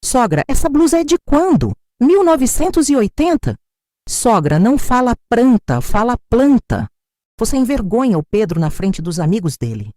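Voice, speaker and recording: A woman's voice: medium pitch, sing-song, normal speed, a little mellow, dry recording, close to an everyday voice. A woman voicing a scornful young daughter-in-law who mocks with false, sugary concern. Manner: mocking, falsely caring.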